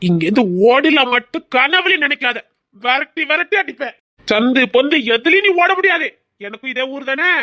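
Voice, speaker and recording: A woman's voice: sits high, expressive, moderate pace, bright, forceful tone. A woman voicing a hot-tempered young village man, scolding and bossy. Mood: threatening.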